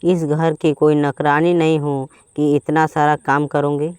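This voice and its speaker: A man's voice: fairly high pitch, flat delivery, measured pace, a little mellow, smooth, no echo, lightly acted. Man doing an upset young wife. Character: young wife, frustrated then tearful. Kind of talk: storybook voice acting.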